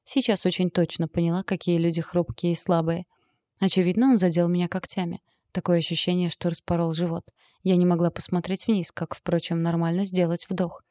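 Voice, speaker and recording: A woman reads a first-person audiobook in an even, steady way. Her voice is low and warm-toned. The recording is close and dry. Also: brisk, dry recording. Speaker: audiobook narrator.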